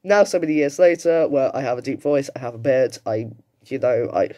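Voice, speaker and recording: A British man in his late twenties reacts to another person's video with casual, emphatic, sweary commentary. His mid-range voice is warm and runs a little fast.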